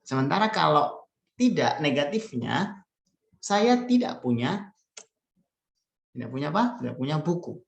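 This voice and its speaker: A man's voice: on the high side, very animated, gravelly. Patient male teacher, roomy sound. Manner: patient, models sentences slowly and deliberately. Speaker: language teacher. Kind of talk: online language lesson. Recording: roomy echo.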